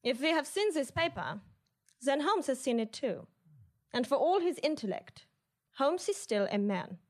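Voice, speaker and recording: A woman's voice: high-pitched, sing-song, normal speed. A woman voicing a scheming female Nazi villain with a put-on German accent in a comedy audio drama, menacing and gloating.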